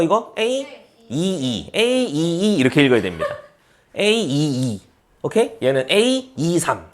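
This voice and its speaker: A man teaching a math class, repeating key terms and constantly checking understanding with rhetorical questions he answers himself. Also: fairly high pitch. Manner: answers his own questions, teasing students who skipped class.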